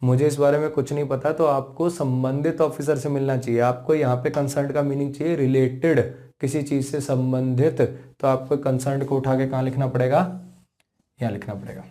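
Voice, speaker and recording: This grammar teacher speaks in a mid-range, level, dark-toned voice with an Indian accent. Teaching English to a class, he goes through it patiently, repeats points and checks whether everyone follows, slowing right down to spell out his example sentences.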